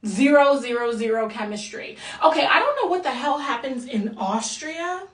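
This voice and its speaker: A woman from the United States delivers an exasperated, blunt review in a casual rant, mildly swearing as she goes. Her voice sits a little high. She sounds set back from the mic in an echoey room. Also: lively intonation, normal speed, far from the mic. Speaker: movie reviewer.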